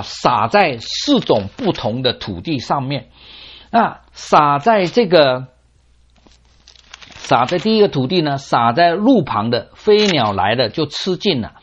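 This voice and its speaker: A man preaching a sermon on a parable, asking and answering his own rhetorical questions in a teaching tone. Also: a little high. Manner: teaching tone with drawn-out sentence particles. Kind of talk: sermon expounding a scripture parable. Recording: dull lo-fi recording.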